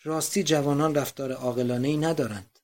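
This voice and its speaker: A man voicing a calm, ironic middle-aged man, a disguised escaped convict, in an audiobook. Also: on the high side, lightly acted. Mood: calm mocking.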